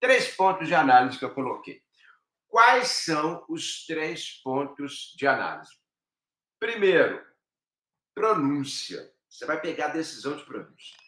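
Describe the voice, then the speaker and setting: Brazilian guy lecturing a live class, bright forceful voice, echoey room. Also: fairly high pitch, a little slow. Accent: Brazilian Portuguese. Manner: lively, animated, talks directly to students. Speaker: law professor.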